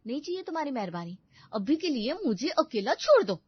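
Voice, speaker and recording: A woman plays a frustrated young cartoon wife who is fed up with housework and with her mother-in-law, indignant and sarcastic. Her voice is high, and the recording is dry and a little dull. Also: big pitch swings, brisk, husky, dry recording, heavily acted. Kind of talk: animated family story voice acting.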